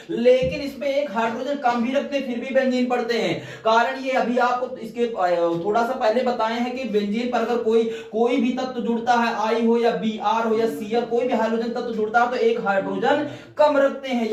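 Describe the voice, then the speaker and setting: A male chemistry teacher explaining reactions step by step, repeating himself and stressing what matters, recorded at a distance in an echoey room. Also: very high-pitched. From northern India. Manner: repetitive, coaxing, stresses what is important.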